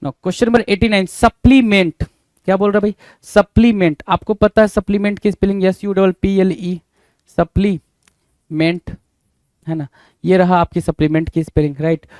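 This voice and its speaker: A man's voice: high-pitched, steady tone, moderate pace, darkish tone, dry recording. A man teaching English spelling in Hindi, spelling words letter by letter and repeatedly asking the listener what the answer is. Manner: repeats questions to the listener, often adding "bhai".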